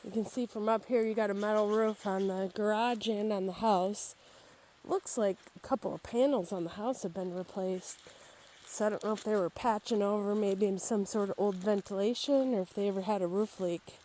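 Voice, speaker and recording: Woman, mid-pitched, casual property tour guide talking while walking outdoors by a babbling creek, faint background noise. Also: steady tone, normal speed, dark tone, rough recording. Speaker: real estate agent filming a property walkthrough. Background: outdoor ambience by a babbling creek.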